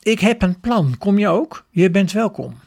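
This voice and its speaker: Gentle fatherly god figure read by a man, gravelly, slightly high voice. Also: lively intonation, measured pace, exaggerated voice. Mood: calm. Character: calm fatherly male God, maker of a garden.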